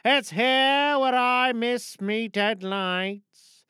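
A performer voicing an old blind male sailor who begs for help in a slow, pleading way, as an audio drama part. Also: mid-range voice, pushed and bright, clear, resonant tone, no room sound, studio quality. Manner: slow, pleading, drawn-out delivery.

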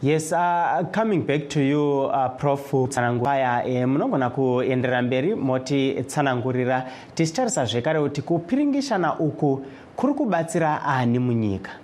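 Male host, Zimbabwean accent, mid-pitched, hesitant live moderating with lots of fillers. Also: lively intonation, a little mellow. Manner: hesitant, many long filled pauses. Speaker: radio talk host. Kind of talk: moderating a live call-in discussion.

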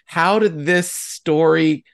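A man's voice: fairly high pitch, takes it slowly, gravelly. Enthusiastic male interviewer. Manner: effusive, enthusiastic. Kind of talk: casual interview.

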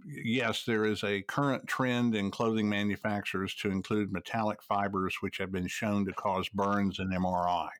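Low-voiced man explaining in a dry room. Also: no echo. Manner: measured, explanatory, many restarts. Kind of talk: casual panel discussion.

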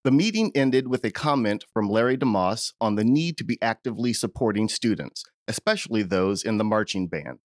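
A man's voice: on the low side, animated, fairly quick, few pauses, dry recording, clean studio sound. A man narrating a scripted local news report as a reporter.

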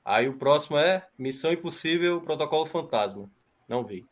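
A man's voice: a little high, lively intonation, brisk. A man hosting a casual podcast, announcing each title and moving the ranking along. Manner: moves the list along, reads out titles. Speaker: podcast host. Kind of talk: casual chat.

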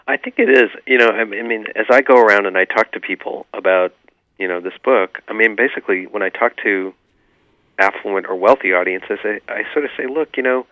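A man, an author in a remote radio interview, earnestly explains his views with plenty of fillers. His voice is lowish and a little fast, with no room sound, heard over a tinny phone line.

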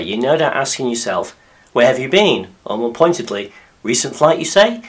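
A man hosts a scripted flying podcast. His voice is deep and croaky from being unwell. He narrates as a pilot telling his own story. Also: a bit bright. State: croaky after a week of flu-like illness. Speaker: podcast host and microlight pilot.

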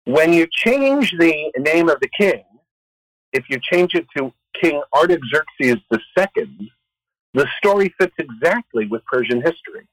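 A man retelling a story with expressive, wisecracking delivery, then answering questions as a guest scholar. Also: fairly high pitch, measured pace, dry recording, low-quality recording. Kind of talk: animated storytelling.

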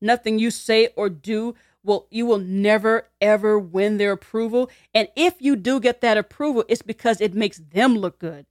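A woman speaks in an explanatory, conversational way, like a teacher walking listeners through a list. Her pitch sits in the middle, and she lightens things with quick laughing asides and little acted-out quotes. The recording is close and dry, with no room echo. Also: a little mellow. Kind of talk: explanatory talk to camera.

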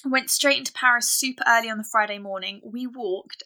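Bright, high-pitched young British woman. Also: fairly quick. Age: 20s. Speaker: podcast co-host. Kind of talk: casual chat.

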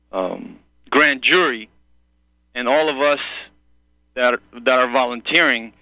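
A man's voice: mid-range voice, sharp tone, no echo. A man calling in over the phone. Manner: rambling and halting, searching for words. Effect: heard over the phone. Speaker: caller. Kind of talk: call-in radio talk. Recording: dull phone-line sound.

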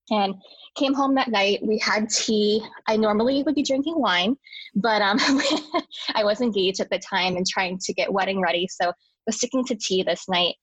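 A woman's voice: mid-range voice, no room sound, muffled recording. A young adult woman who works in a hospital, earnestly telling a personal story, restarting phrases and using medical terms. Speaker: interview guest, hospital worker.

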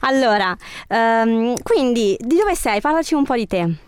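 Chatty high-voiced woman interviewer, clear tone. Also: expressive, a little slow. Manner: chatty, encouraging. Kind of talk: casual conversational interview.

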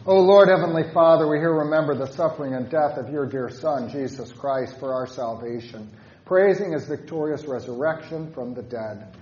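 A man leading congregational prayer as a pastor, solemnly, in measured phrases with pauses. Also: a little high, a little mellow, lo-fi sound.

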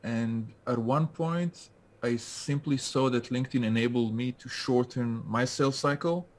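Speaking unhurriedly in a mid-range voice, a French man joins a casual interview over a call as a guest LinkedIn specialist. He frequently hesitates and starts over.

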